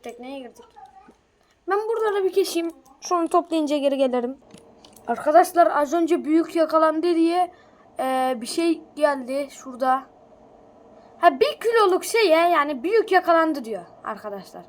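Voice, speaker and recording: A woman chatting excitably through a game for her viewers, a little sick and hoarse. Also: sits high. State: sick, coughing. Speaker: gaming video creator. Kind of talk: casual gameplay commentary.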